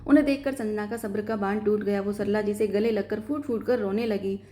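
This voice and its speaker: Mellow-voiced woman narrating a story. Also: mid-range voice, fairly even intonation, fairly quick. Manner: reads every character herself. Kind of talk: scripted emotional story narration.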